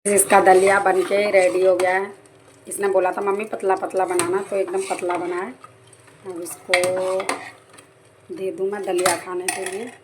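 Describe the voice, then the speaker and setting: A middle-aged mother vlogs from her home kitchen, chatting casually to viewers, calling them guys and repeating herself. Her mid-range voice is flat and unhurried, captured on a noisy home phone recording.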